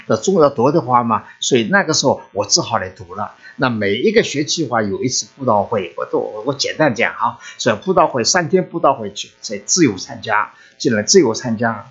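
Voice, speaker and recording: An older man from China, telling his personal faith story to a church congregation in an animated storytelling way. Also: husky. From China, Shanghai and Zhoushan. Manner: animated storytelling, lively swings in pitch and loudness. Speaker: church member giving testimony. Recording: muffled lo-fi recording.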